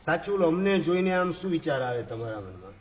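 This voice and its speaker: A man's voice: on the high side, sing-song, fast, lo-fi sound. A man, a monk, giving a sermon and quizzing listeners by name. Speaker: Jain monk.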